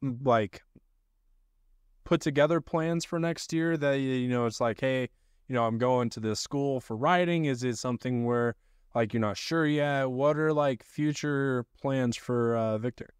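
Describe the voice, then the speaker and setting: Speaking a little slowly in a smooth, medium-pitched voice with no echo, this young podcast host runs a casual video-call interview. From his home studio room with a desk, he asks loose, filler-laden questions into a studio mic on a boom arm.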